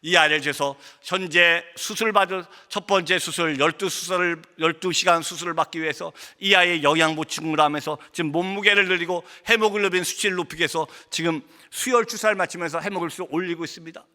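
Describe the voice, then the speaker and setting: Male missionary preacher, high ringing bright voice, passionate storyteller, church hall echo. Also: quick pace, few pauses. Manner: impassioned storytelling, acts out his own angry outbursts. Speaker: missionary pastor. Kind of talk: sermon testimony. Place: church sanctuary. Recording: long church hall reverb.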